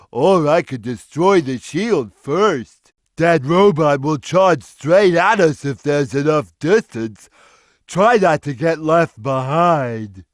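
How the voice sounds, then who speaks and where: A big, gentle cartoon cat for a video game. The voice sits fairly high for a male and bounces widely in pitch. It moves slowly, with a simple, earnest, slow-witted and good-natured manner, recorded very dry. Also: no room sound. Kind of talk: video game character voice lines.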